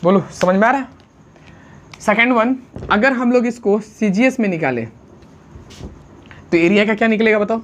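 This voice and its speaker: A man's voice: high-pitched, a little hiss or hum. Questioning male science teacher. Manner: keeps asking the class questions and answering them himself; urges students to write quickly, calls them friend. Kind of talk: blackboard science lesson.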